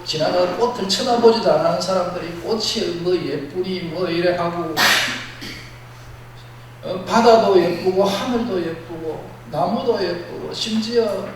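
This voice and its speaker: A man preaching a sermon as a pastor with a Gyeongsang accent, plain-spoken and blunt, swinging between loud emphatic bursts and soft low asides. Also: vocal fry. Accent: Gyeongsang Korean. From Gyeongsang region, South Korea. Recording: very echoey hall, mic far off, faint noise.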